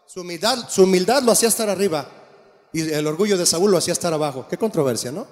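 A man preaching a sermon as pastor, animated and asking the congregation questions. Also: sits high, fast. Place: church. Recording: long church reverb.

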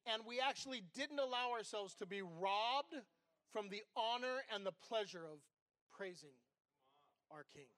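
A middle-aged associate pastor preaches in a candid, conversational way, weaving in stories from his own life. His voice sits high and bright. The sound is dry and close, with almost no room echo. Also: expressive, unhurried. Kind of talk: sermon.

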